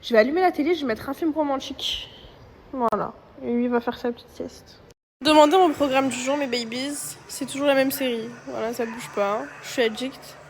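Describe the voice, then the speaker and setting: Chatty, high-voiced woman at home, casual vlog, faint noise. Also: a little fast. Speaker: vlogger. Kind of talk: casual chat to followers. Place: at home indoors.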